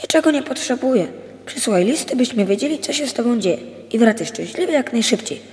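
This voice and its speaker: A man's voice: sits high, lively intonation, normal speed, a little mellow, reverberant, in a large hall. A man voicing an anxious adult wife who pleads with her husband, in a storybook reading. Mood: worried. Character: worried caring wife, adult woman.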